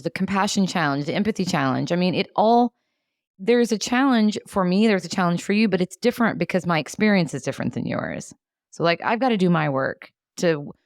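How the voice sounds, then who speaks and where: A woman in her forties hosts a podcast and encourages her guest warmly. Her voice is notably low for a woman. The recording is dry and intimate, close to the mic. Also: no room sound. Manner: warmly affirming, enthusiastic. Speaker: podcast host. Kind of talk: casual podcast conversation.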